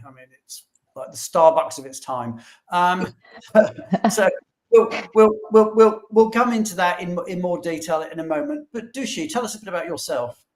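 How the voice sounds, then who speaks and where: A man hosting a live webinar, excitable and rambling, with frequent restarts. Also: high-pitched. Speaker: webinar host.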